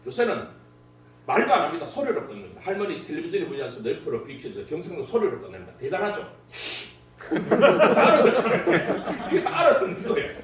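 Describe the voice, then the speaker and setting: A man gives a humorous workshop lecture, his voice high and swinging widely. He keeps joking and laughing at his own stories. He is heard from a distance in a very echoey hall, with a faint hum underneath. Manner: jokey, laughs at own stories, lively delivery.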